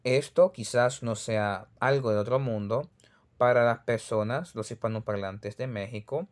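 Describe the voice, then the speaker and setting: A man with a Caribbean Spanish accent teaches pronunciation at an unhurried, deliberate pace. His voice sits at an ordinary middle pitch, and he repeats each example word patiently as he demonstrates it. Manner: repeats sample words slowly, patient and demonstrative. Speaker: Russian language teacher. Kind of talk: pronunciation lesson.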